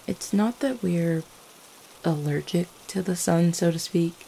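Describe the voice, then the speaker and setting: In an ASMR roleplay, a woman voices a devoted vampire girlfriend who gently explains things at a measured pace, tender, soft-hearted, a bit hesitant and reassuring. Her low, mellow voice creaks gravelly at the edges. Rain falls faintly and steadily behind her on a low-quality recording.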